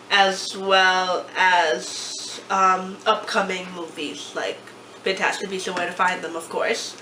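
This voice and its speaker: Congested, bright-voiced young woman. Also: mid-range voice, roomy sound, a little hiss or hum, rough recording. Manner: giggly, chatty. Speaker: co-host. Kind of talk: casual fan chat. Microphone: camera on tripod on a table.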